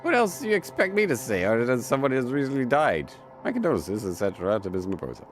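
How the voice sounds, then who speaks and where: A man's voice: mid-range voice, very animated, fast, faint music behind, lightly acted. A man voicing a scarred, stern priest who speaks in a solemn, lecturing way. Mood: dry. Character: scarred older Irish priest, stern and cryptic.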